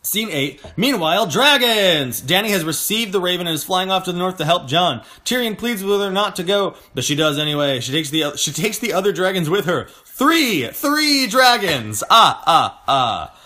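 A man's voice: high-pitched, fast, few pauses, bright, forceful tone. A young man casually recapping a TV episode, joking and laughing often between points. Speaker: podcast host recapping episodes.

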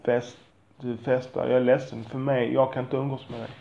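A man's voice: medium pitch, flat delivery, gravelly, roomy sound, dull audio. A man talking frankly about being a father, in a blunt, profane and rambling way with self-deprecating asides. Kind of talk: candid monologue.

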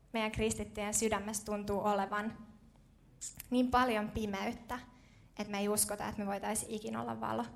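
A young woman preaching a sermon in church, casual and lively, with slangy, self-deprecating humor. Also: medium pitch, gravelly.

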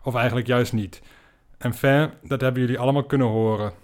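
A man hosting a podcast, telling an absurd comic story in a dry, deadpan way. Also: medium pitch, fairly quick. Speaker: podcast host.

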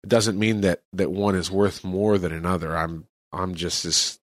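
A man's voice: deep voice, steady tone, normal speed, dry recording, clean studio sound. A man from California, a missionary, talking earnestly about faith in an interview. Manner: earnest, preacherly.

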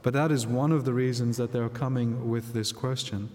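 Priest preaching in a long, echoing church reverb. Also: male voice, medium pitch, fairly even intonation, brisk, darkish tone. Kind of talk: Gospel reading and homily. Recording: long cathedral-like echo.

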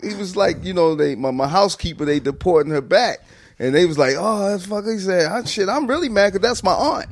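A man in a group conversation who keeps jumping in with jokes and short, punchy remarks. His voice sits somewhat high. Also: lively intonation, a little fast, no room sound, clean studio sound. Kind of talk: casual chat.

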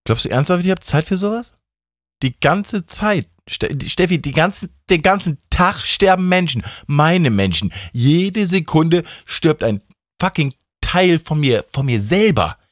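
A man doing the voice of a stressed, drug-addled, irritable God in a storybook reading, talking in a rambling, exasperated way with a lively pitch. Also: measured pace, no echo, clean studio sound.

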